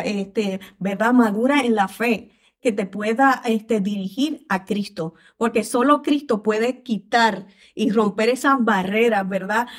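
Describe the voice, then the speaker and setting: Woman dotting her talk with tag questions. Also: a little high. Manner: tag questions and fillers, repeatedly saying "¿verdad?" and "este". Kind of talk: conversational devotional discussion.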